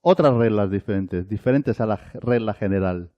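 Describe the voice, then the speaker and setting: A man teaching a Spanish lesson, drilling single words one at a time with long pauses between them. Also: on the low side, no room sound. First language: Arabic. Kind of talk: slow, deliberate language lesson. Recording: dull, lo-fi dry recording.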